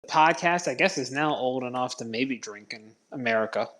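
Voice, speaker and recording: A man speaks as a podcast co-host, chatting casually at a middle pitch. His delivery is informal and conversational, with a self-deprecating way of putting things. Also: brisk, fairly bright tone.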